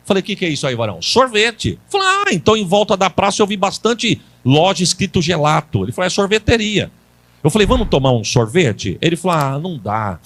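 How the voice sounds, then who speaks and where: High-voiced preacher man. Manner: call-and-response with congregation, rising to loud preaching; folksy storytelling with colloquial grammar. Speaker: pastor. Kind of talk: Pentecostal sermon with storytelling. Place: church service.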